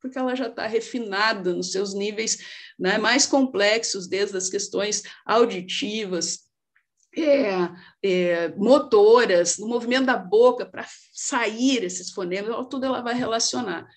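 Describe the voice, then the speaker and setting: A woman's voice: medium pitch, a little slow. A middle-aged woman with a Brazilian accent giving an informal lecture on literacy, with many fillers and rhetorical questions. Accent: Brazilian Portuguese. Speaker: lecturer on literacy and child development.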